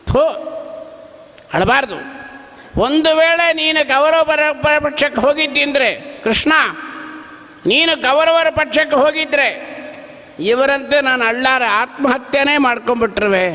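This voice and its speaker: Man playing joyful devoted sage, high bright voice, pleading exclamations, long hall reverb. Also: measured pace, pauses often, full character voice. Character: devoted male sage rejoicing in his god.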